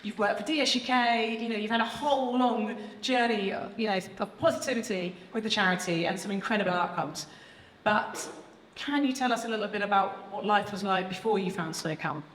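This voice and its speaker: A woman's voice: mid-range voice, a little fast, fairly bright tone. A woman with a British accent, hosting a live stage interview in an encouraging, praising manner. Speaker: event host interviewing young people on stage. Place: large event hall, on stage. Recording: echoey hall with crowd and noise.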